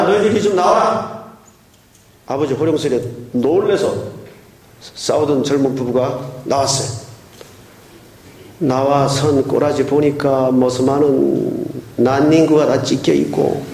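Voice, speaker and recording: A man's voice: a little high, gravelly. A man in his fifties preaching a sermon as pastor, telling stories and acting out voices. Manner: animated storytelling, acts out quoted voices. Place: church sanctuary. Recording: roomy church sound with faint noise.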